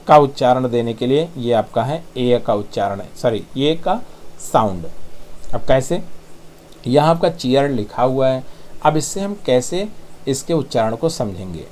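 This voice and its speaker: A man, patiently explaining English sounds on slides and repeating them slowly. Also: medium pitch, animated, a little mellow. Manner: patient, repeats sounds slowly, says "thik hai" often. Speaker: English pronunciation teacher. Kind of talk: tutorial explanation.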